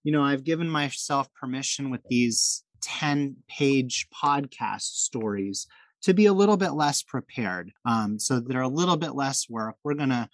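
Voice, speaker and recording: A podcast host talks casually and with friendly enthusiasm, full of fillers and restarted sentences. He has a medium-pitched voice and speaks a little slowly; the recording has no room sound but is low quality.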